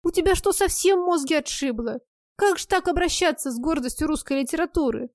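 A sarcastic, outspoken young woman friend grumbles and teases, put on by a woman narrating a storybook. Her voice sits high and sharp-tongued. The sound is close and dry. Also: animated, brisk, dry recording. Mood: indignant. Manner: blunt, mocking, grumbling.

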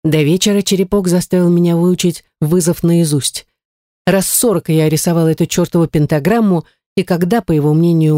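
A woman reads a first-person story aloud in a wry, lively manner. Her voice sits low and mellow. The recording is close and dry. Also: no room sound. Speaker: audiobook narrator.

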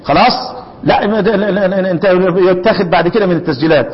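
High-voiced Egyptian sheikh teaching recitation. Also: male voice. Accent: Egyptian Arabic. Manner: quizzes students, chants verses slowly. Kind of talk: classroom lesson explaining recitation rules. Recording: echoey, dull lo-fi lecture hall recording.

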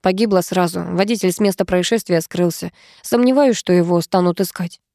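Weary stout middle-aged woman voiced by a woman, sighing and level, mellow tone. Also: lowish voice, brisk, dry recording, studio quality, lightly acted.

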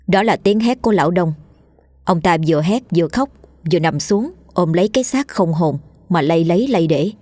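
A woman narrating a horror story in a steady storytelling manner. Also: on the low side, brisk, dry recording, studio quality.

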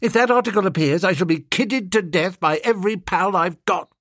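Audiobook: male reader playing a high, quivering young toff, melodramatic and easily panicked, husky-edged. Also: fairly quick, fairly bright tone, no room sound, clean studio sound. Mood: aggrieved. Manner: high, breathless, quivering pleading. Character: flustered young gentleman, excitable and melodramatic.

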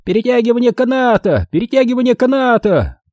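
A man voicing a mob of nasty garden gnomes in a high sing-song chant. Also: sing-song, a little fast, darkish tone, no echo, studio quality. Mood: gleeful chanting.

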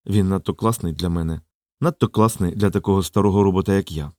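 A man voicing a humble, gentle old male robot in an audiobook, speaking softly and self-effacingly. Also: sits low, fast, dry recording, studio quality, pitched below the performer's own voice, close to an everyday voice.

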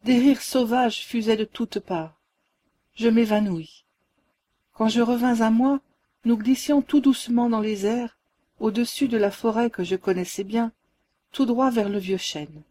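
A woman reading a ghost story aloud as a calm, measured narrator. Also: on the high side. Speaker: audiobook reader. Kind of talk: scripted narration.

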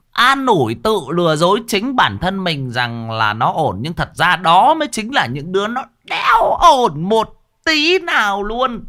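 A man hosting a livestream, giving rambling big-brotherly advice that swings from soft to loud. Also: sits high. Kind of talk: casual livestream monologue.

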